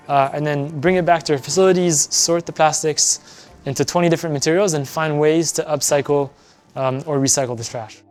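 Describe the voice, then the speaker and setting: A young man from France, earnest and talking in an interview as an activist, with frequent fillers and restarts. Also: a little high. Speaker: guest, environmental activist. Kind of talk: conversational interview.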